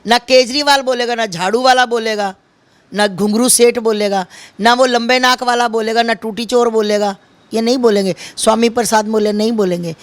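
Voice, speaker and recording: A woman's voice: fairly high pitch, steady tone, normal speed. A woman giving an impassioned interview, speaking in a fiery, emphatic way with repeated slogans.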